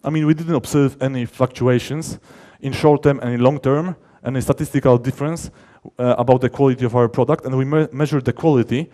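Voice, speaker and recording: Brisk and with few pauses, this man gives a conference talk as a software developer. His voice is mellow and easygoing at a normal male pitch. He explains technical points informally, leaning on key words, and often restarts sentences to reword them.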